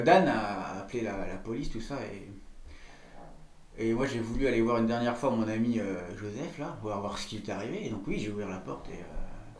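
A man's voice: mid-range voice, reverberant, pitched below the performer's own voice, lightly acted. A man voicing a friendly, chatty sculptor in his sixties who rambles with many fillers.

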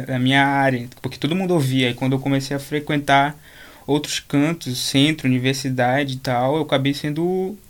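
Young man. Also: on the high side. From Manaus, Brazil. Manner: thoughtful, frequent restarts and tag questions. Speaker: guest, creator of a page about funk. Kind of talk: casual interview talk.

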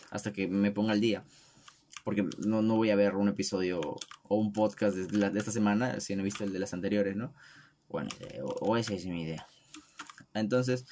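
A man's voice: mid-range voice, darkish tone, a little hiss or hum. A young man hosting his own podcast, rambling casually about his routine, with lots of restarts, swearing and self-deprecating jokes, speaking from the throat. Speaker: podcast host.

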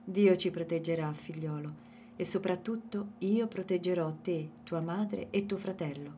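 A young father soothes his child in a calm, gentle voice from a storybook, read by a woman. His tone stays quiet and steady. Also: on the low side, unhurried, a little hiss or hum, natural voice. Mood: tender. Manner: soft, reassuring.

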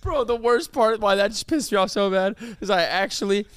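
A man hosting a podcast, exasperated and teasing, calling his co-host bro as he tries to get him to calm down. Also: high voice, fairly quick, clear, resonant tone, no echo, clean studio sound. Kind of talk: casual chat. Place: indoor studio. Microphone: close mic.

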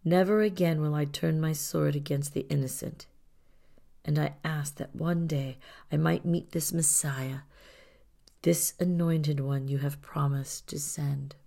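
A woman voicing a troubled, guilt-ridden soldier who speaks urgently and in a hushed way, in a storybook reading. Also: low-pitched, steady tone, a little slow, vocal fry, exaggerated voice. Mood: prayerful.

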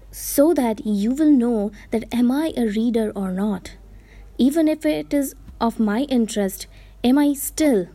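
Her voice is warm and pitched fairly high. She's an Indian vlogger with an Indian English accent and Gujarati as her mother tongue, earnestly explaining reading advice in a casual video and fixing her own wording as she talks.

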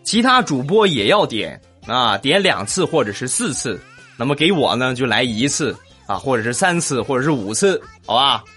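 A man's voice: mid-range voice, very animated, normal speed, sharp tone, slightly rough, faint music behind. A man hosting a comedic podcast, reading listener comments with teasing jokes and frequent laughter. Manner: jokey, laughs often, teasing asides. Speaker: podcast host.

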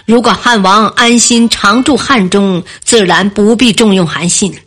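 A woman voicing an earnest, persuasive male chancellor of an ancient court in a storybook reading, speaking slowly. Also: medium pitch, fairly bright tone, slightly rough. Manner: earnest and insistent.

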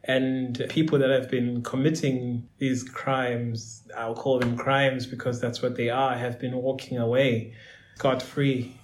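A man's voice: medium pitch, flat delivery, takes it slowly, roomy sound, slight background noise. A man in his thirties, a guest on a podcast, speaking hesitantly and thoughtfully. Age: 30s. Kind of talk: podcast conversation.

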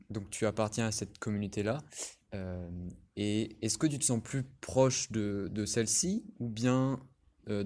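Low-voiced halting male interviewer. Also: darkish tone. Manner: halting, long rambling questions. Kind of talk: interview questions.

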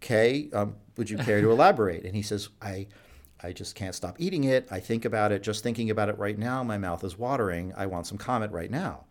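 A man with a voice on the low side recounts anecdotes from his job as a doctor at a jail HIV clinic in a conversational interview. He animatedly acts out the quoted dialogue.

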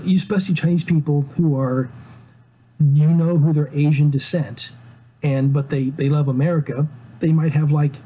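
A man's voice: fairly high pitch, dark tone, breathy edge, rough recording. A man hosting a solo commentary show, rambling through opinions with many fillers and restarts and a sarcastic, scoffing tone. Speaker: podcast host.

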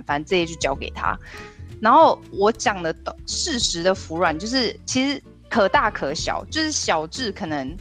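A woman hosting a podcast in casual chat, animated and acting out the voices she quotes. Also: on the low side. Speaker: podcast host.

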